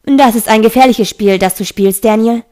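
A woman reading the lines of a calm, questioning male angel in a fantasy audiobook. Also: fairly high pitch, normal speed, lightly acted. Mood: probing.

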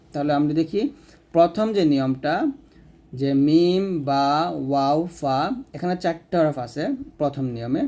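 A man gives a spoken lesson on reading the Quran. His voice is mellow and a bit high for a man. He drills the letter sounds one at a time, slowly and with long, drawn-out syllables.

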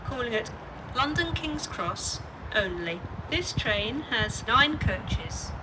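A woman's recorded voice making train station announcements over loudspeakers, slow and measured, her words evenly spaced. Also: fairly high pitch, expressive, background noise. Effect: train station public address announcement over loudspeakers. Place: railway station platform.

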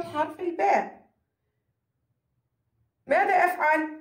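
A woman teacher with a Jordanian accent giving a recorded lesson to children, repeating key phrases and answering her own questions. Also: high-pitched. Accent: Jordanian Arabic. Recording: echoey room.

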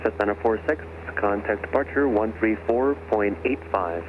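Over narrowband aviation radio, a male air traffic controller with a lowish voice gives clipped procedural instructions at a moderate pace. Airplane engine noise runs in the background.

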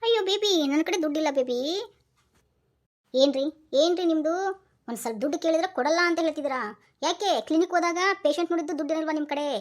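A woman's voice: sits high, rapid-fire. A woman playing a bossy, demanding young wife in a comedy sketch, scolding and then coaxing with pet names. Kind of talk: comic sketch acting.

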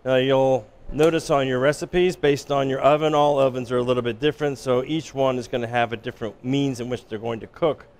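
A man's voice: mid-range voice, a little fast, hardly any pauses. Man explaining a baking demonstration. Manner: relaxed, explanatory, with frequent restarts. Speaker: chef instructor. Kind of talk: cooking demonstration. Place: instructional kitchen.

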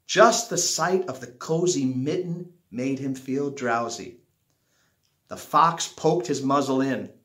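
A middle-aged man reads a children's picture book aloud in a small living room, leaning on key words and stretching them out like a storyteller. His voice sits at a medium pitch with a fairly bright tone, and he takes his time. The home recording sounds roomy and echoey.

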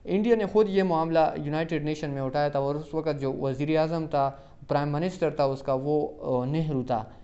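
Male exam-prep lecturer, slightly higher voice, reads questions slowly, dull lo-fi recording. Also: warm tone. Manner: slow, deliberate reading of English options, quicker Hindi-Urdu explanations; addresses listeners as "student" often. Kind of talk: reading out and explaining exam questions.

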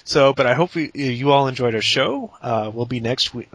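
A man's voice: medium pitch, moderate pace, a bit bright, no echo, rough recording. A man hosting a casual gaming podcast, laughing off his own flubs and retakes. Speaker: podcast host.

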